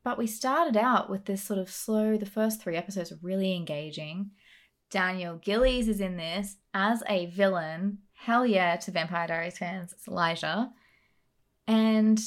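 Wry Australian woman podcast co-host. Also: mid-range voice. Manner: wry, laughs often, quick asides. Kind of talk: casual chat.

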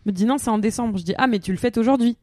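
A woman's voice: on the high side, racing, dry recording. A woman co-hosting a podcast, chatting and mocking herself in casual banter. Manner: lively, self-mocking, chatty. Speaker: podcast co-host.

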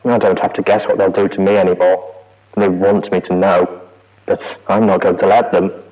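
Brief: man doing panicked young mare, loud and strained, muffled lo-fi log recording, low voice. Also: little pitch movement, moderate pace. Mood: desperate. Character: terrified trapped young mare in an audio log.

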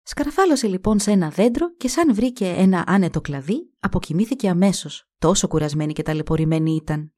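A woman with a slightly low voice narrating a folk fairy tale. She reads in a steady, expressive storytelling manner and gives each character a voice of its own. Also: few pauses.

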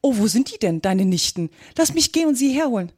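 A woman's voice: a little high, sing-song, quick pace, a little mellow, breathy edge, no room sound, studio quality, pitched above the performer's own voice. A woman voicing Alice, a curious, earnest young girl who speaks eagerly and politely.

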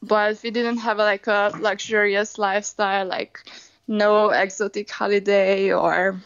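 Woman, 20s, Hungarian accent, smooth voice, slow matter-of-fact delivery, phone line. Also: mid-range voice, little pitch movement, no room sound. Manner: unhurried, matter-of-fact, simple non-native phrasing. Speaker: guest. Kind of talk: casual interview answers.

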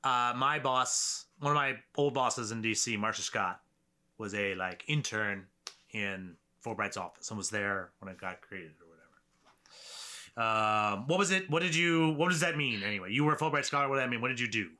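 A man's voice: mid-range voice, moderate pace, pushed and bright. A man hosting a podcast interview in a casual, joking way, often laughing at his own remarks. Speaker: podcast host.

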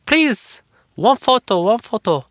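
A man imitating an excited, pushy middle-aged woman fan who squeals in broken English. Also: extremely high pitch, no echo, clean studio sound, pitched above the performer's own voice, exaggerated voice. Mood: eager.

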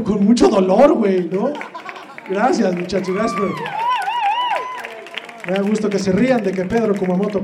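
A man with a Mexican accent doing a crude, rambling stand-up comedy routine full of slang and swearing. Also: high-pitched. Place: comedy club stage. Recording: echoey live venue with audience.

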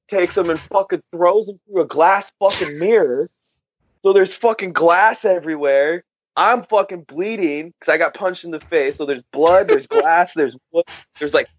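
A man's voice: high-pitched, no room sound, lo-fi sound. Profane laughing man telling a story. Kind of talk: casual storytelling chat.

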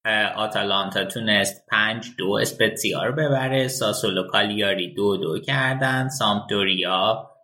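A male podcast host with a lowish, bright, forceful voice. He rattles through scores briskly and moves the show along. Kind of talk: casual podcast hosting.

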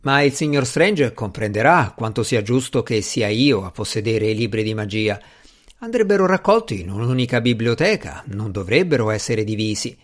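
A man's voice: mid-range voice, lively intonation, moderate pace, natural voice. A man reading a fussy, fretful old magician. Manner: fretful, possessive pleading. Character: fussy anxious middle-aged male magician. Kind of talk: audiobook character reading.

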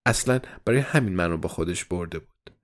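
A man with a somewhat low voice narrates a story as a first-person diary. His delivery stays measured and even, in the manner of a scripted audiobook reading.

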